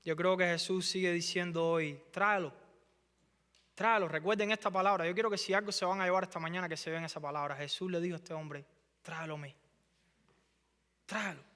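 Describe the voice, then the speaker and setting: A bright, high-pitched male pastor preaching with fervor in a church sanctuary, his voice climbing toward near shouting at the peaks. The room has a long, echoing reverb. Soft music plays behind him. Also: fairly even intonation, quick pace, few pauses, smooth. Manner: impassioned preaching, rising to near shouting at climaxes. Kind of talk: sermon.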